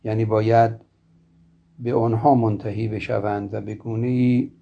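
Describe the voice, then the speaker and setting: A man giving a formal philosophy lecture in a slow, measured, scholarly way, often clearing his throat. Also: lowish voice, level tone, mellow. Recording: dull lo-fi recording.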